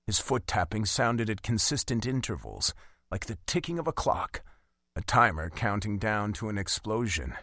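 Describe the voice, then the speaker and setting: Male audiobook narrator, emotive first-person reading, lively intonation, dry booth sound. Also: fairly low pitch, moderate pace, no echo.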